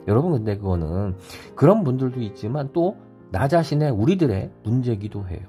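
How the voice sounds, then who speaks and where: A man's voice: mid-range voice, very animated, a little fast, dark tone, faint music behind. A man pastor preaching a sermon on a Bible passage, asking the listeners rhetorical questions throughout.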